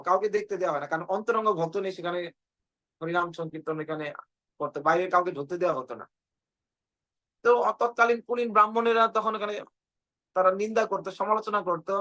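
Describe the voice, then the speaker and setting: High, bright-voiced man preaching. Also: fast talker, low-quality recording. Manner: fervent, repetitive, acts out quoted dialogue. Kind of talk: devotional sermon storytelling. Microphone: video call.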